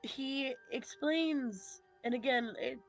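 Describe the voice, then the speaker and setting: A woman's voice: high voice, takes it slowly, soft background music. A woman narrating as game master of a tabletop game, hesitant with many fillers.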